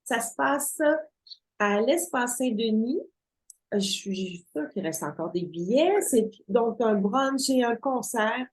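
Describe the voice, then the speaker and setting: Upbeat higher-voiced woman co-host. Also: lively intonation, takes it slowly, low-quality recording. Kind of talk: interview hosting and promo wrap-up.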